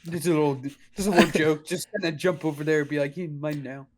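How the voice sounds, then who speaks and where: A man's voice: fairly high pitch, steady tone, fast talker. A young man co-hosting a podcast, chatting casually in an informal, slangy and somewhat hesitant way. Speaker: podcast co-host. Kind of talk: casual chat.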